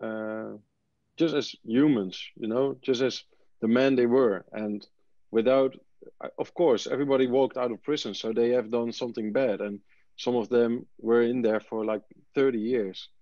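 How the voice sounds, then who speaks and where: A man's voice: mid-range voice, steady tone, moderate pace, warm tone, dry recording. Hesitant man on a dull call. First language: Dutch. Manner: hesitant, many fillers, searching for words. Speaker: film director. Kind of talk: video call interview. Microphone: earbuds on a video call. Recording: dull lo-fi video call audio.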